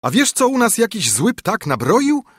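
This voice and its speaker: A man doing a high agitated peasant wife. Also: huge pitch swings, moderate pace, a bit bright, husky, no room sound, clean studio sound, exaggerated voice. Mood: alarmed. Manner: high and urgent. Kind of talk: storybook reading.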